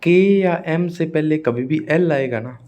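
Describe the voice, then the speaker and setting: A young man with a Hindi-speaking Indian accent teaching exam phonetics, drilling words slowly and checking in with students. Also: on the high side, warm tone, lo-fi sound. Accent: Hindi-speaking Indian English. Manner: slow, repetitive drilling with frequent checks. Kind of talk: classroom lecture on phonetics.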